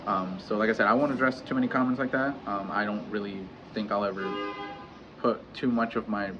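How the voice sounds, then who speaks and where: A man in his thirties talking candidly in a personal vlog, pausing often and restarting his sentences. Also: fairly low pitch, steady tone. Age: 30s. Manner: hesitant, halting, many restarts and fillers. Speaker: vlogger. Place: home in Mexico. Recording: dull lo-fi audio with clear background noise.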